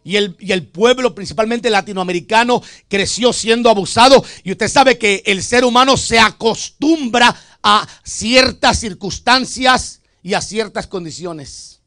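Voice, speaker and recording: A male pastor preaching a sermon, shifting between loud, fervent lines and quiet, joking asides, often calling out to the congregation as brothers. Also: high-pitched, a little slow, no room sound, studio quality. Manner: calls out "hermano" to the congregation. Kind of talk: Spanish sermon. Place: church sanctuary.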